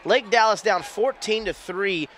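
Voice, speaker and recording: A man calling high school football play-by-play from a press box, quick and excitable with chatty asides. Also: a little hiss or hum. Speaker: play-by-play announcer. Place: press box above a stadium.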